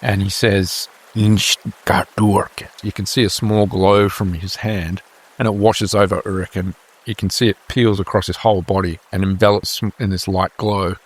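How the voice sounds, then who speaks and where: A man narrating calmly as game master of a tabletop game. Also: low-pitched, moderate pace, husky.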